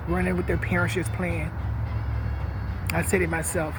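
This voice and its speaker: Man, late 50s, high-pitched voice, confessional and sad, outdoors with music playing behind him. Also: level tone, moderate pace. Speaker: vlogger. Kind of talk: personal reflective monologue.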